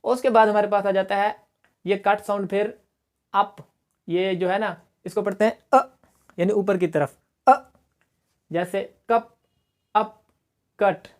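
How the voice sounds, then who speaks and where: A woman's voice: medium pitch, moderate pace, darkish tone. A woman teaching English phonetics, explaining a pronunciation chart patiently and often checking that students follow. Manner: mixes English words into Hindi.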